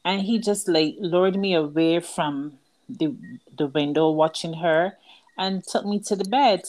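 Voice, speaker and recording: A woman's voice: on the low side, a little slow, a little mellow. A woman with a Barbadian accent, a book author telling her life story earnestly as a guest in an interview. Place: outdoors at night with crickets. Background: crickets.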